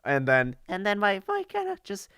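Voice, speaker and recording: A young man co-hosting a casual podcast chat at home, rambling and hesitant, filling pauses with likes and ums. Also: sits high, wildly swooping pitch, pushed and bright. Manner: rambling, hesitant, lots of fillers. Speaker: podcast co-host.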